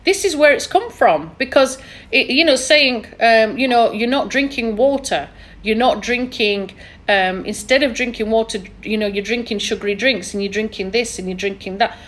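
A woman's voice: fairly high pitch, moderate pace. A woman with a thick Yorkshire accent, hosting a casual interview in a chatty, opinionated, emphatic way. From England. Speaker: podcast host.

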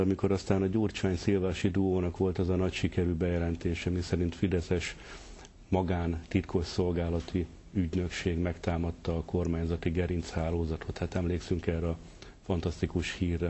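A man's voice: sits low, completely flat delivery, dark tone, a little hiss or hum. A man interviewing a guest on television, asking pointed, skeptical questions. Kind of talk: probing TV interview.

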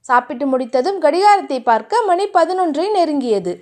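A woman narrating a romance novel in an expressive storytelling manner. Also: sits high, brisk. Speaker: audiobook narrator.

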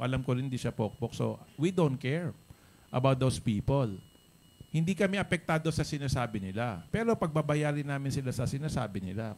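A man giving a motivational talk to his business members, mixing in rhetorical "no?" and "right?" asides. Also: mid-range voice. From Philippines. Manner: animated, code-switching, rhetorical "no?" and "tama?" asides. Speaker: business leader speaking to members.

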